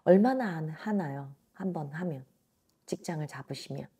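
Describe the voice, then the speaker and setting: A fortune teller in her thirties gives a client a blunt, emphatic reading, talking down to them informally. Her deep, husky voice is warm and expressive at a normal pace, picked up by a lapel mic in a small indoor office.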